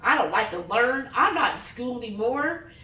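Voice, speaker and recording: A vlog host with a slightly high voice and a moderate pace relays a personal anecdote casually. Animated, she keeps slipping into acted voices to quote what was said. The audio carries a roomy echo from a distant microphone.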